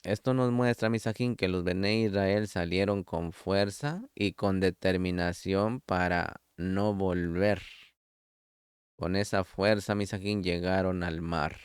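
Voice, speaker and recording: A man with a low, very clear and smooth voice gives a sermon-style scripture lesson. He speaks slowly and deliberately, reads out verses, and turns to the listener as his beloved. The sound is dry and close, with no room echo. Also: fairly even intonation. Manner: slow, deliberate teaching with scripture quotes; addresses listener directly as beloved. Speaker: preacher. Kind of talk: Torah study sermon.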